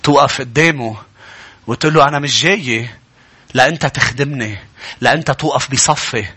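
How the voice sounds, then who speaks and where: A male pastor, preaching a fervent sermon that climbs into shouts. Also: mid-range voice, a little fast, breathy edge.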